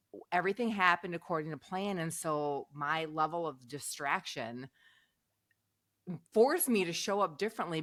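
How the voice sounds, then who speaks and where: A woman's voice: on the low side, dry recording, clean studio sound. A middle-aged woman co-hosting a podcast, telling stories in casual chat and laughing often. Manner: animated storyteller, laughs often. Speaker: podcast co-host.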